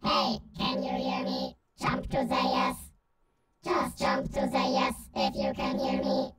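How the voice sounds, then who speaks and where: A man voicing a male game AI in whispered role-play, breathy and robotic through a voice filter. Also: extremely low pitch, completely flat delivery, takes it slowly, fairly bright tone, distant mic, voice pushed down, full character voice. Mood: teasing.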